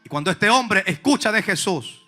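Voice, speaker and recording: A man's voice: high-pitched, expressive, moderate pace, pushed and bright, soft background music. A man pastor preaching a sermon to his congregation, fervent and emphatic.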